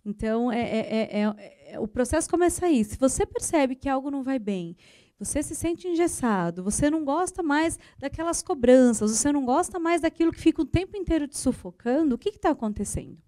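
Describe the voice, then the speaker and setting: Brazilian lady psychologist on a tv talk show, high voice, dry studio sound, explains stuff and acts out example lines. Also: expressive, a little fast, mellow, no echo. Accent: Brazilian Portuguese. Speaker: psychologist guest.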